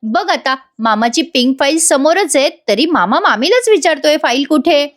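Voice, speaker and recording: A woman's voice: sits high, lively intonation, moderate pace, pitched above the performer's own voice. A woman voicing an affectionate young wife who talks in a teasing way.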